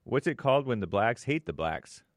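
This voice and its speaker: A man's voice: mid-range voice, expressive, moderate pace, no echo, studio quality. A man co-hosting a show, reading viewer messages aloud in a plain, matter-of-fact way with small asides.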